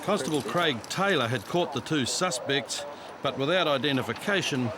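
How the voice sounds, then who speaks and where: A man's voice: medium pitch, lively intonation, moderate pace. A man with a New Zealand accent reading scripted narration for a reality TV police show. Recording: street and traffic noise behind.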